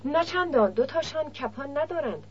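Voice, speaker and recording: A woman's voice: high-pitched, expressive, slight background noise, pitched above the performer's own voice. A woman reading the lines of a shrewd, teasing village middleman in an audiobook. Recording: dull lo-fi recording.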